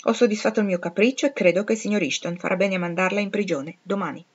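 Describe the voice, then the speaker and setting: A haughty, imperious young society woman, put on by a woman reading a storybook, curt and disdainful, a little higher and louder than the narration. The recording sounds dull and lo-fi. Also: fast talker, husky, natural voice.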